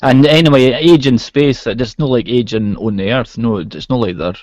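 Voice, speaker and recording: A man's voice: medium pitch, moderate pace, darkish tone, dry recording. A man chatting casually about movies. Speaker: chat guest.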